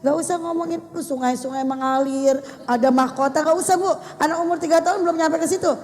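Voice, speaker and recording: An older woman giving an animated religious talk to a gathering of mothers, speaking to them directly. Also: high-pitched, fast talker. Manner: animated, addressing the mothers directly, acting out how to speak to children. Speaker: religious teacher. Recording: echoey hall sound.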